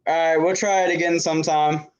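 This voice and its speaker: A man calling in over a video call, his audio glitching and robotic, talking in a halting way with many fillers. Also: fairly high pitch, little pitch movement, clean tone. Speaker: call-in guest. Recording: dull, lo-fi glitchy internet call with faint guitar music.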